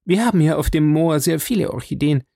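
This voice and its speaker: A man voicing a young woman who gives urgent, hurried warnings on a lonely moor. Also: a little high, creaky, warm tone, no room sound, clean studio sound, pitched above the performer's own voice.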